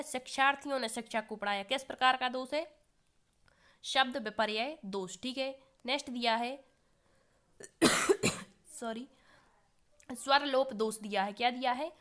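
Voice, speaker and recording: Smooth-voiced woman teaching exam prep. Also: sits high, moderate pace, fairly bright tone. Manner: asks the class questions and answers them herself.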